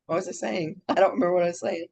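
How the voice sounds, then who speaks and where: Talking very fast with vocal fry and a darkish, lowish voice, a woman co-hosting a casual podcast chats and reads out news. She's scattered and easily sidetracked, and she struggles with R's, pronouncing them like W's.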